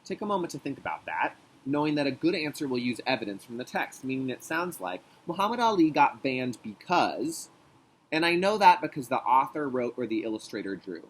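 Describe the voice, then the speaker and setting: Reading aloud to young children, a man who teaches kindergarten enunciates carefully and keeps an instructional tone. His medium-pitched voice swings widely in pitch and sounds slightly rough, and the recording is low quality.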